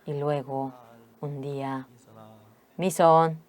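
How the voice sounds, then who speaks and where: Slow-speaking woman interpreting a sermon. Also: fairly low pitch, expressive. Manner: slow, measured storytelling. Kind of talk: sermon testimony in Spanish voice-over.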